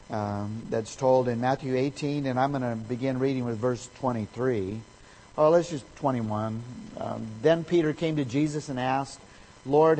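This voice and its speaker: A male pastor giving a sermon, reading scripture aloud and explaining it, swinging from loud to soft for emphasis. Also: medium pitch, breathy edge, poor audio.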